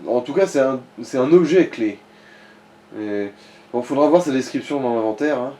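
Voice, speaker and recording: A man with a medium-pitched, dark voice co-commentates on a game, casually guiding the player at a moderate pace. His chat is informal and full of crude slang.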